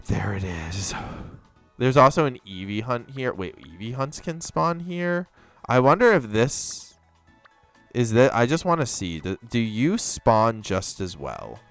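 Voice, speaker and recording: A man's voice: medium pitch, smooth, dry recording. A young man streaming a game, chatting casually and rambling through a story while swearing freely. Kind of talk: casual chat while gaming.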